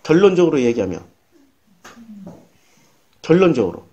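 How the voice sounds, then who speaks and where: A man's voice: a little high, sing-song, moderate pace, dark tone, highs cut off. A man preaching a sermon as pastor, asking his listeners questions and answering them himself, and acting out short quoted lines.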